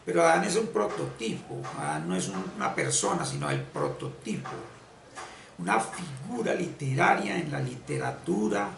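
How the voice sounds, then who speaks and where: A man giving an unscripted esoteric religious lecture, halting and repeating phrases as he searches for words. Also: a little high, very animated, creaky, far from the mic, noisy background. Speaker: esoteric spiritual teacher. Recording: echoey room, voice off-mic, faint ambience.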